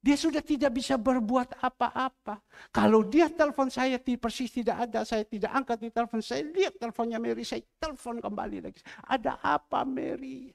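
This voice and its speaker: Gravelly-voiced pastor preaching. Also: male voice, extremely high pitch, fairly quick. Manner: preaching, shifting between loud exhortation and quiet asides. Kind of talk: sermon. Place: church.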